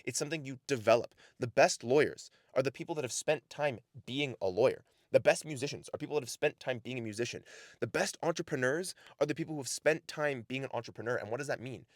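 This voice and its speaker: A man's voice: mid-range voice, fast, dry recording, clean studio sound. A man from Canada giving casual life advice to camera, earnest and direct, often asking "right?". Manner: earnest, repeats "right?" and "the reality is". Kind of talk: casual motivational talk to camera. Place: outdoors in snow.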